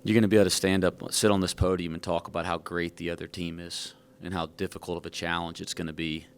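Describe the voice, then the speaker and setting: A basketball coach, a man, answers questions at a press conference podium while still catching his breath. His voice sits low and stays fairly level in pitch. He talks frankly and rambles, with a self-joking touch. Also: level tone, fast, a little hiss or hum.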